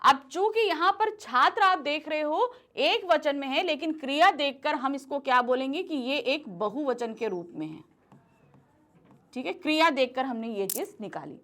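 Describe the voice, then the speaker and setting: A woman with a high, bright voice teaches a grammar class, and her pitch rises and falls a lot as she explains. She asks the class questions and then answers them herself, checking in again and again to make sure everyone is following. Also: expressive, moderate pace. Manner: checks in often with "ठीक है?".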